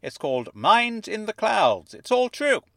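Guy putting on a high wobbly fuzzy-voiced newspaper man, gushy, bouncy delivery, rambles on. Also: unhurried, gravelly, no echo, studio quality, heavily acted. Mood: eager. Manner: effusive, gushing, rambles when excited. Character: excitable middle-aged male newspaper writer.

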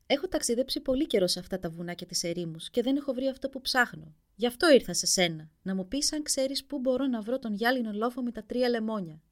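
A woman's voice: a little high, lively intonation, hardly any pauses, voice pushed up, lightly acted. A woman playing an earnest young prince.

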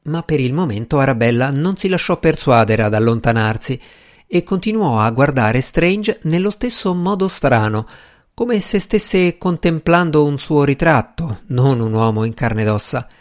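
A man narrating a novel in a steady, even reading voice. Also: mid-range voice, normal speed. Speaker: audiobook narrator. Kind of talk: scripted narration.

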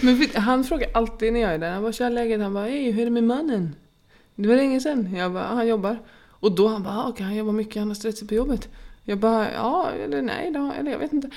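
A woman's voice: on the high side, a little mellow. A woman in her thirties, chatting casually and telling stories with animation. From Sweden. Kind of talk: casual chat.

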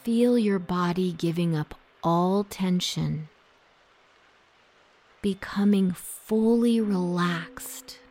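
A woman guiding a relaxation meditation in a soft, soothing voice that drops into a half-whisper. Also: fairly low pitch, very slow. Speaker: meditation guide. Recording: soft music behind the voice.

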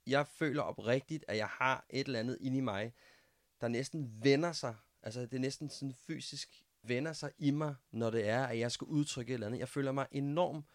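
A man's voice: medium pitch, no echo, studio quality. A man hosting a podcast interview, speaking hesitantly and searching for his words with many fillers. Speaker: podcast host. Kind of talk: conversational interview.

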